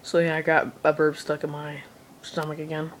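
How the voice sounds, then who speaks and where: A man's voice: on the high side, monotone, moderate pace. A man chatting casually to viewers in an amateur home vlog. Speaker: video creator. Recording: faintly noisy home video recording.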